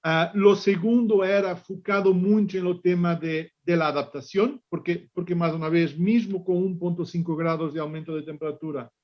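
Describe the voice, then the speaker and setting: A man's voice: sits high, steady tone, moderate pace, few pauses, muffled recording. A man who is a native Portuguese speaker gives a conference talk in a Spanish-Portuguese mix with a Portuguese accent, often repeating words as he searches for phrasing. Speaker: conference speaker, business executive. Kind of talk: unscripted conference presentation.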